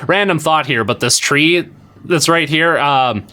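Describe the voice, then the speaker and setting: Streaming a retro game, a man rambles casually to his chat while playing, using fillers and the occasional swear word. His voice is slightly high, bright and forceful, and he speaks a little slowly.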